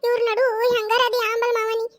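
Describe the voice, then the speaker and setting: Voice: extremely high pitch, completely flat delivery, fast. A performer voicing a quarrelsome, accusing young daughter-in-law in a cartoon. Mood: pleading. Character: sulky, sharp-tongued young daughter-in-law.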